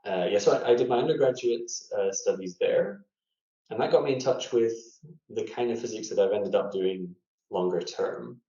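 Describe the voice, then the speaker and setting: With a mellow, lowish voice at a moderate pace, a Scotsman who is a scientist guest reflects on his story in an informal interview, often restarting and filling pauses. Echo fills the room, and the audio is dull and lo-fi.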